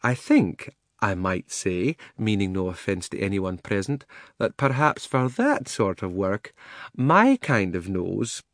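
Man doing a mild, high she-elephant. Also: sing-song, slow, a bit bright, no echo, studio quality, exaggerated voice. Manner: mild and thoughtful. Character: gentle, sensible she-elephant.

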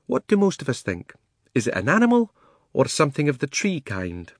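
A man voicing a gentle, sensible female elephant in a storybook reading, mild and thoughtful. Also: fairly high pitch, huge pitch swings, brisk, slightly rough, dry recording, studio quality, voice pushed up, full character voice.

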